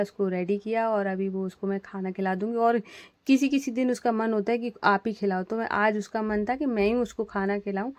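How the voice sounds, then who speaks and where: A woman's voice: medium pitch, darkish tone, dry recording. Chatty homely woman narrating her day. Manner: chatty, homely, many fillers like "है ना". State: slightly hoarse throat. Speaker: vlogger, housewife. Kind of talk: casual voice-over vlog narration.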